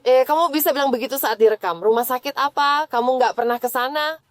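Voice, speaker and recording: A woman with a fairly high-pitched voice, sounding drunk. She challenges and taunts the officers around her, keeping up a combative argument at a traffic stop. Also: fast talker, dry recording. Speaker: detained driver, intensive care nurse. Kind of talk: heated confrontation with police.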